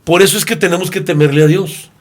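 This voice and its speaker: A man's voice: high voice, steady tone, fast talker. A man in his sixties with a Mexican Spanish accent, a pastor talking through a Bible lesson and telling stories in which he acts out the characters. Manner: storytelling, acts out quoted characters. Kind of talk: sermon-like Bible lesson discussion.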